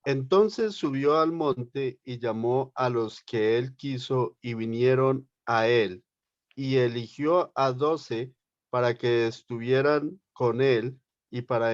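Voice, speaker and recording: A man reads a scripture passage aloud at a very slow, careful pace during a Bible study. His voice sits in a middle pitch, and the recording is dull and lo-fi.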